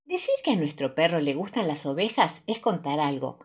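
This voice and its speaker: Expressive Rioplatense woman storyteller. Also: sits low, moderate pace, breathy edge. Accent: Rioplatense Spanish. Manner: expressive, sing-song storybook reading. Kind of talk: reading children's stories aloud.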